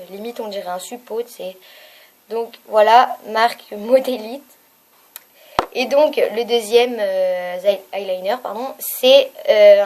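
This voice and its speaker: A young woman talks through her makeup picks in a relaxed, chatty vlog. She hesitates often and fills gaps with fillers. Her pitch sits in a middle range, and she speaks into a camera mic. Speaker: beauty vlogger. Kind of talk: casual product review.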